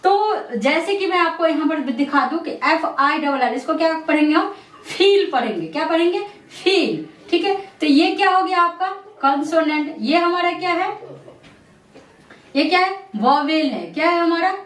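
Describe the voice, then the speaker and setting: A woman, teaching English pronunciation in a classroom style. She keeps asking questions and answering them herself, with a steady stream of "theek hai". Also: very high-pitched, unhurried. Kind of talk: classroom-style lesson explanation. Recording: echoey room, voice from a distance.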